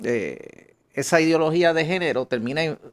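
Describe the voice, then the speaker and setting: Halting Puerto Rican lawyer-pastor man. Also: on the high side, expressive. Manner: halting, many restarts, explanatory. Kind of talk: radio interview talk.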